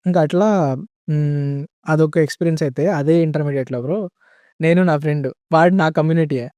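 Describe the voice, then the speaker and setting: A young man speaks in a relaxed podcast conversation, dropping "bro" and English words into his talk. He talks quickly in a slightly high voice. The sound is dry and close. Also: no echo. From India. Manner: chatty, says "bro" often, mixes in English words. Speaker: guest. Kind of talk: casual podcast storytelling.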